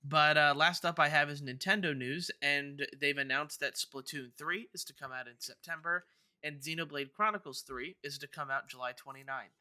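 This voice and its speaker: Recorded clean with no room sound, this man's slightly high, sharp voice moves at a normal pace. He hosts a podcast and chats loosely about gaming news, rambling and often stumbling into false starts.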